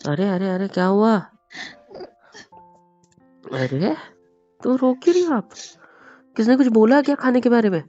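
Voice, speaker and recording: A man's voice: sits high, animated, measured pace, pauses often, dull audio, faint music behind. A man playing a worried husband in a scripted couple role-play, talking urgently and repeating himself. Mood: soothing. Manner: urgent, repeats himself, loud when scolding. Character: worried husband, soothing then scolding.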